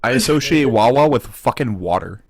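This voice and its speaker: A man's voice: mid-range voice, animated, a loud crowd. Joking, foul-mouthed male podcast host. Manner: joking, profane, quick comebacks. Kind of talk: casual podcast banter.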